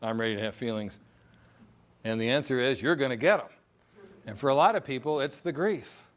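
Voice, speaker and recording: A middle-aged man presents a divorce recovery seminar conversationally, tossing in joking asides and acting out examples in this recorded talk. His voice is medium-pitched and fairly quick.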